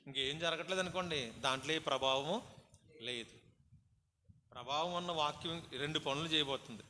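Bright-voiced preacher man, echoing hall. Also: on the high side. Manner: exhorting, calls for praise responses. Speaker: pastor. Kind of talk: sermon. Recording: hall reverb, faint background noise.

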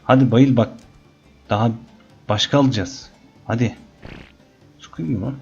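A man's voice: medium pitch, measured pace, creaky, darkish tone, slightly rough, dull audio, soft background music. A man commenting on his gameplay and playfully taunting the animals in the game. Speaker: gaming channel host. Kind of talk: Let's Play commentary.

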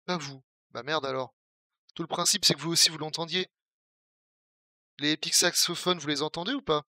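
A man's voice: a little high, fairly even intonation, brisk, bright, forceful tone, no room sound, studio quality. A young man from the Paris region with a Parisian French accent, talking casually as a Twitch streamer while playing a game, joking and answering his chat. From Paris region, France.

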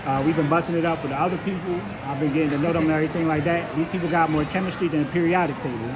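Hype interview host in a noisy hall. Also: male voice, a little high, fairly even intonation, very fast. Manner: hype, jokey, street-slang. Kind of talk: casual interview hosting. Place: large indoor food court. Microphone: phone camera. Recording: busy hall, loud background noise.

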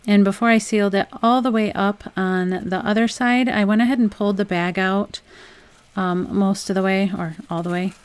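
A young adult woman hosting a home crafts channel, talking through a project in a relaxed, chatty voice-over with frequent "um"s. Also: mid-range voice, moderate pace, clear, resonant tone, no room sound. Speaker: DIY crafts channel host. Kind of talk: casual voice-over tutorial.

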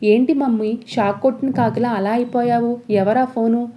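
Woman voicing a taunting young man, sarcastic, slightly high pitched. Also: steady tone, moderate pace, warm tone, natural voice. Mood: mocking. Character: mocking young adult son.

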